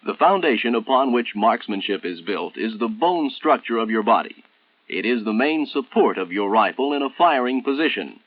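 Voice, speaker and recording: On the soundtrack of an old 1960s military training film, an American man narrates in a measured, formal, instructional style. His medium-pitched voice is expressive and lightly acted, heard through narrow, tinny audio.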